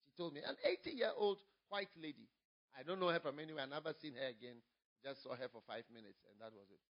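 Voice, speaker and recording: Delivering his sermon fast and animatedly, a Ghanaian-accented pastor with a rather high voice builds from quiet storytelling up to loud, forceful preaching. The recording's high frequencies are cut off.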